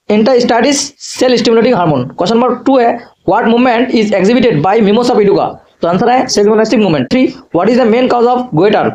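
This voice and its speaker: A man teaching an exam revision lesson, mixing Hindi and English, reading each question slowly and then rattling off the answer quickly. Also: high voice, a little mellow.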